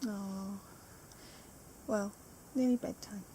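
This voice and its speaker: At home in her living room, a British-accented woman playfully chats while opening trading cards, reading their text aloud. Her medium-pitched voice is steady, slow and warm, with a slight roughness.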